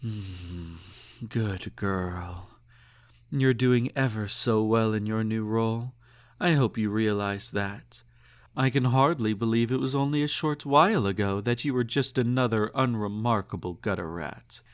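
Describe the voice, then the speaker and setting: This man's fairly low, lightly acted voice keeps a measured pace as he portrays a snobby, possessive emperor in an intimate romantic audio roleplay, indulgent and menacing. His haughty, purring, condescending delivery carries a smug, tender, teasing mood.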